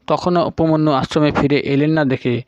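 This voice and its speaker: A male storyteller giving a scripted narration of a scripture story in a steady, solemn way. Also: on the high side, normal speed, clear, resonant tone, dry recording. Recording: dull lo-fi recording.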